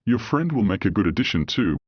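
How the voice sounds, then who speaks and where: A man voicing a large, cheerful, scheming male dog dentist who talks fast and coaxingly. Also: fairly low pitch, very animated, no room sound, muffled recording, pitched below the performer's own voice. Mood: scheming glee.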